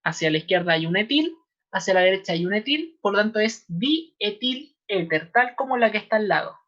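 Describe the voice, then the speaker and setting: A woman with a Chilean accent teaching a chemistry class online, patient and repeating terms slowly for her students. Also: medium pitch, animated, fairly bright tone. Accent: Chilean Spanish. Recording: slightly dull lo-fi online class audio.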